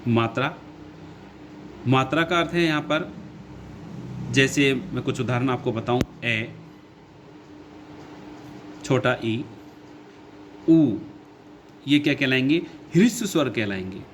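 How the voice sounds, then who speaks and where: A man teaching a grammar lesson who goes slowly, repeats his points and asks his own questions before answering them. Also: medium pitch, a bit bright, slight background noise. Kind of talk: classroom lesson explaining grammar.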